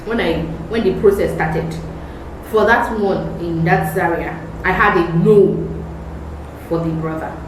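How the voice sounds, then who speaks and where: A woman with a Nigerian accent telling a personal story of faith in an expressive, emphatic way, casually repeating words and acting out dialogue. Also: on the low side, measured pace. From Ibadan, Nigeria. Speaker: vlogger. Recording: very echoey room, distant mic, faint noise.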